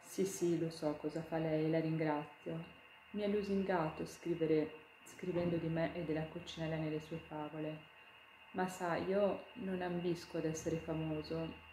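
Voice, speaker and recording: A woman voicing a wise, solitary adult male falcon who brews potions, speaking calmly and slowly. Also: sits low, a little hiss or hum, lightly acted. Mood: humble. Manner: calm, slow and measured. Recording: echoey room.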